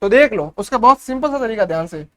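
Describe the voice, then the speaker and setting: A man teaches a maths revision class for young pupils, walking through each step and frequently checking that the class follows. His voice is high, expressive and fast.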